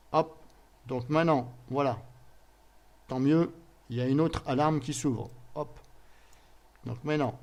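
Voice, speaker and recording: A man narrating a screen-recorded software tutorial in a casual way, thinking aloud with frequent pauses and little filler words. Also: on the high side. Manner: casual, fills pauses with "voilà" and "hop"; thinks aloud, restarts and hesitates.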